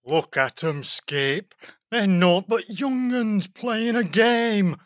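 A man doing a rough-spoken big hedgehog. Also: high-pitched, takes it slowly, a bit bright, no echo, clean studio sound, voice pushed up. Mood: worried. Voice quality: rough country talk. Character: big, worried male hedgehog guard.

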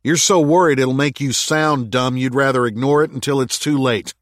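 A man's voice: medium pitch, fairly even intonation, moderate pace, no room sound, voice pushed up, natural voice. A man voicing a blunt, hot-tempered young man who talks impatiently, in a dry recording.

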